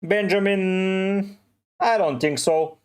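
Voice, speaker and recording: A man from Bulgaria with a Bulgarian accent, live streaming and slowly answering viewers' questions one by one. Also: high-pitched. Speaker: fantasy football streamer. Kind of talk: live stream chat, reading comments.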